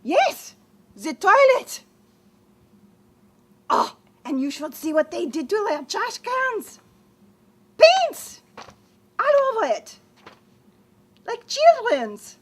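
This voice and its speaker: A snooty French businesswoman, played by a woman in a comedy sketch, with a French accent. Her voice sits high and swoops widely, and she lets her words out slowly and scornfully. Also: big pitch swings, slight background noise, heavily acted. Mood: gossiping on phone. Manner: theatrical, scornful exclamations. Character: haughty, disdainful French businesswoman visiting.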